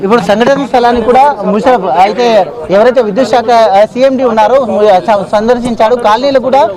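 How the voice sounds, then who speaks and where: Guy reporting live outdoors, rushed, keeps repeating fillers, crowd all around. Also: extremely high pitch, fairly even intonation. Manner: halting, repeats filler words. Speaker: field reporter. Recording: crowd noise behind.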